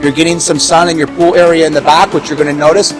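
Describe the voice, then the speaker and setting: A man's voice: a little high, level tone, quick pace, music in the background, poor audio. A man giving a casual house tour as a real estate agent, chatty and upbeat with lots of fillers and easy laughs. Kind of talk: casual walkthrough commentary. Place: inside a large house.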